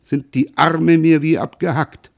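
A man's voice: fairly high pitch, fairly even intonation, a little slow, creaky, voice pushed up. A man reading a winded, ashamed young doctor. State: out of breath. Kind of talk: literary reading.

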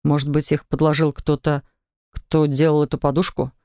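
Lady doing a fed-up young husband, voice dropped lower, curt and snappy. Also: little pitch movement, normal speed, dark tone, dry recording, studio quality, natural voice. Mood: exasperated. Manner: curt, exasperated. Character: irritated young husband, quick-tempered. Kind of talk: audiobook character reading.

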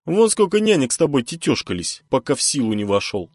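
A man's voice: medium pitch, big pitch swings, brisk, a little mellow, dry recording, clean studio sound, voice pushed up. A man voicing a sly man who speaks in a teasing, mocking way in an audiobook.

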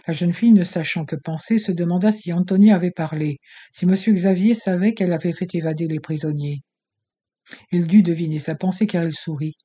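A male narrator reading a novel aloud with a very dark, mellow tone and a husky texture. His pitch sits slightly high for a man, and his delivery is steady and even. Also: brisk. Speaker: audiobook narrator. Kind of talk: literary audiobook narration.

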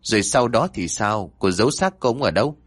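Man playing a deep-voiced grim old exorcist. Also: lively intonation, brisk, dry recording. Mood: stern. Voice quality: deep, somber. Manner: harsh, scolding. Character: stern older male exorcist, grim and accusing.

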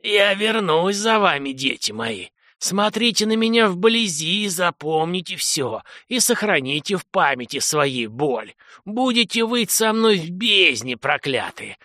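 Storybook villain-victim, hoarse and raging, a man reading the part. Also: sits high, sing-song, slow, bright, forceful tone, dry recording, clean studio sound, voice pushed up, full character voice. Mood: cursing. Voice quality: hoarse snarl. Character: condemned male lord, raging and cursing.

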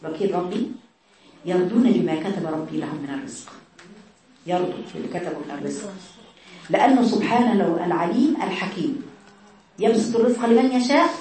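Fast-talking Egyptian woman in an echoey room. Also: mid-range voice, darkish tone. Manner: conversational, asks rhetorical questions. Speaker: religious teacher. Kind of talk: religious lesson. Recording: very echoey room, voice far from mic.

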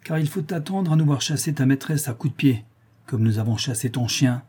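A drunk young bandit voiced by a man reading an audiobook snarls his threats, raised in pitch and loud. The voice stays dark and husky underneath. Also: a little fast, lightly acted. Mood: taunting. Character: drunk violent young male bandit brother.

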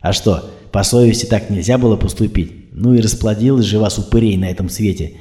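A man voicing an anxious, injured man who talks to himself in a hushed, urgent way. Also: fairly low pitch, brisk, close to an everyday voice. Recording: roomy echo.

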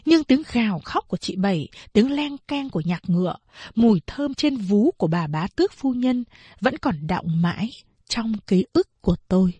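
A woman reads a novel aloud in measured, steady storytelling. Her voice is husky and slightly breathy, recorded close and dry with no room sound. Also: a little high, dry recording. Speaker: audiobook narrator. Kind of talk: scripted narration.

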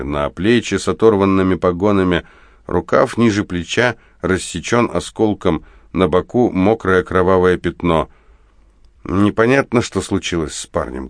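A man narrating first-person war prose in a steady, grim, measured audiobook reading. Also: deep voice, dry recording, clean studio sound.

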